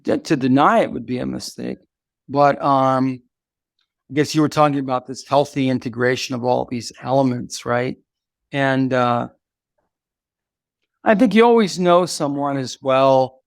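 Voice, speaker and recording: An older man telling stories as an interview guest, halting and full of restarts. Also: mid-range voice, vocal fry, dry recording, clean studio sound. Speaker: guest, activist mentor. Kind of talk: reflective storytelling in conversation.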